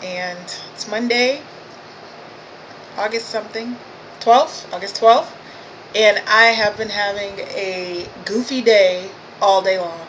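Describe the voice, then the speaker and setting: A woman's voice: mid-range voice, takes it slowly, a bit bright, lo-fi sound, slight background noise. A tired woman vlogging to camera, chatting casually and laughing at herself as she tells a goofy story about her day.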